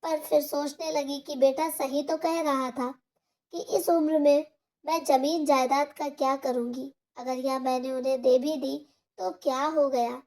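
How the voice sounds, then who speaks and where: A woman narrating a scripted moral story in a slow, even storybook reading style. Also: high voice.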